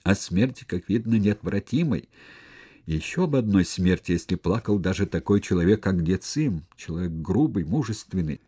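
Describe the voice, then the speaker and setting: Deep-voiced man reading an audiobook. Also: expressive, moderate pace, mellow, breathy edge. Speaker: audiobook narrator. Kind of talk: audiobook reading of a historical novel.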